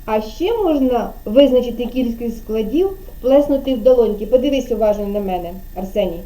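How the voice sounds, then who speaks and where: A woman's voice: on the high side, animated, fairly quick, mellow. A woman kindergarten teacher giving an online speech lesson to a child over a video call, patiently drawing out syllables and prompting.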